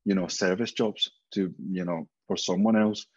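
This is a casual interview over a video call, with a man in his thirties from Spain as the guest, talking openly and cursing freely from a room at home. He has a low voice, a Spanish accent, fairly even intonation and a normal speaking speed, captured in lo-fi audio.

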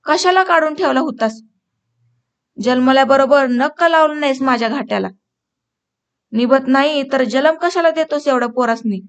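A woman's voice: high-pitched, moderate pace, long pauses. A woman reading a defiant teenage boy. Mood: furious. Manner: stubborn, defiant. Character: defiant teenage village boy determined to study.

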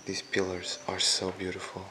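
Man, urban explorer, very flat low voice, hushed commentary, handheld camera in a dark empty house. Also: moderate pace, background noise. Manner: hushed, half-whispered remarks. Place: dark abandoned house indoors.

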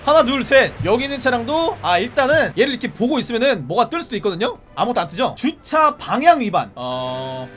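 A man with a very high, bouncy voice calls out a game live, joking and barking orders at the people on screen. His pitch swings up and down constantly. Background music plays under his talk. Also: brisk, few pauses. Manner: playful, animated, shouting commands at game characters. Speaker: game streamer. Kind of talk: live gameplay commentary.

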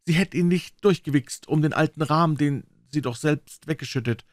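Raising his voice slightly above his own, though still close to ordinary speech, a man plays an excited boy recounting a tale to his aunt. He sounds a little high and speaks at a moderate pace. The studio recording is clean and dry.

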